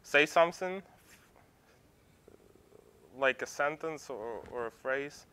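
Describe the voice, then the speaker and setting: Slow, bright-voiced man presenting. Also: medium pitch, animated, slight background noise. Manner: halting, with frequent restarts. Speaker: presenter at a user group demo. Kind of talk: live tech demo talk.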